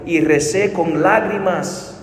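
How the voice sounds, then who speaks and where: Earnest high-voiced preacher in an echoey church. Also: male voice, slow pace, slight background noise. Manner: earnest, pleading, shifts between soft and emphatic. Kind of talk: sermon. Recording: echoey hall, heard from a distance.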